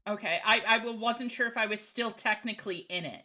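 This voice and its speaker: A woman playing a tabletop game, casually narrating her moves in a halting, playful way. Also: a little high, pushed and bright.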